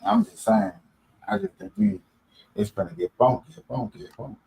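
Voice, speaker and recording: A man's voice: mid-range voice, big pitch swings, moderate pace, gravelly, a little mellow, breathy edge, low-quality recording. A man hosting a live stream, reacting to a video in casual, slangy chat, joking and laughing often.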